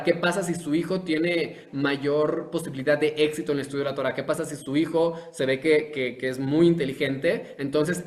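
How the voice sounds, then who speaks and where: A man teaching a course online, asking questions and answering them himself, with frequent restarts and pauses. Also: a little high. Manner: explanatory, asks and answers his own questions; many restarts and filler pauses. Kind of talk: online lecture.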